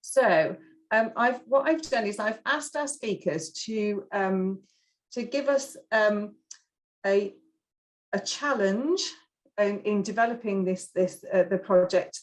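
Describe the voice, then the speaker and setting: A woman hosting an informal panel, introducing speakers in halting, hesitant phrases. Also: mid-range voice, poor audio. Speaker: panel host.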